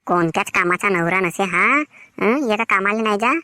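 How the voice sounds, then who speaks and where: A woman's voice: mid-range voice, fairly even intonation, normal speed, sharp tone, no echo, studio quality, lightly acted. A woman voicing a nagging village wife in a Varhadi Marathi accent, talking in a scolding, complaining way. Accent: Vidarbha Marathi (Varhadi). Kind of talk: cartoon voice acting.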